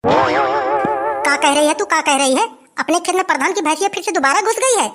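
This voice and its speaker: A performer voicing an angry old farmer in a who shouts complaints and threats. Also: high-pitched, very animated, a little fast, faint music behind. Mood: angry complaining. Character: grumpy old village man, angry farmer.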